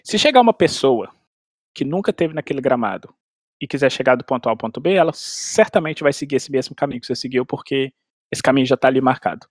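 A man's voice: mid-range voice, expressive, dry recording. Man explaining patiently in a dry room. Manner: explains with everyday analogies and acted-out inner dialogue; halting, with frequent restarts. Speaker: language expert guest. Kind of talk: casual explanatory chat.

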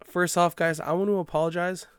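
A man's voice: high voice, fairly even intonation, fairly quick, smooth, dry recording, clean studio sound. A man, congested from a cold, hosting a podcast in a rambling, chatty way with frequent self-corrections. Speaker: podcast host. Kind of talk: casual podcast intro.

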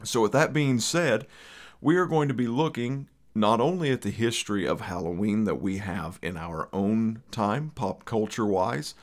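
A man from Eastern Kentucky, USA, with that regional accent hosts a podcast, talking conversationally and rambling with folksy asides. His voice is fairly low and expressive, at a normal pace.

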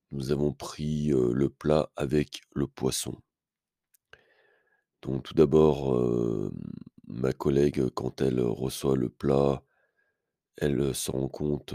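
A man's voice: extremely low pitch, gravelly, mellow, dry recording, clean studio sound. A man hosting a podcast, telling a story in a casual monologue with many hesitations and fillers, blunt and self-assured in tone. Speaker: podcast host.

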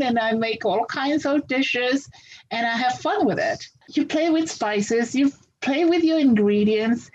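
A woman's voice: on the high side, muffled recording. A woman from Fiji answering interview questions in a practical, upbeat way. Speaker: interview guest.

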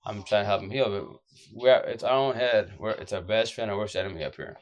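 Man, low-pitched groggy voice, worn out from lack of sleep, blunt, slangy, repetitive, casual advice monologue. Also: a little fast, highs cut off. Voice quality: deep, groggy voice. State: exhausted, short of sleep. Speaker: social media advice streamer.

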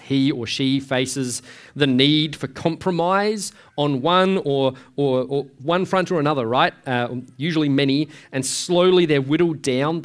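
Conversational preacher man. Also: fairly high pitch. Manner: conversational, with frequent restarts and rhetorical questions. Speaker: pastor. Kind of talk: sermon.

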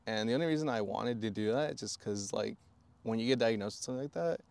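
A young man in his twenties speaks as a podcast guest, his voice low and smooth with a resonant clarity. He talks candidly and haltingly, full of fillers and casual swearing. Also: darkish tone.

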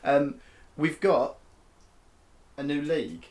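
A man's voice: fairly high pitch, sing-song, slow, a little mellow. A man co-hosting a casual sports podcast, chatty and self-mocking with many fillers. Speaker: podcast co-host.

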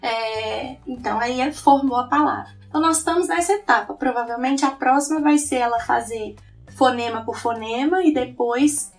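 A woman's voice: high-pitched, moderate pace, far from the mic, faint music behind. A woman educator with a Brazilian Portuguese accent, explaining her teaching methods in an earnest presentation, often tagging phrases with a questioning "né".

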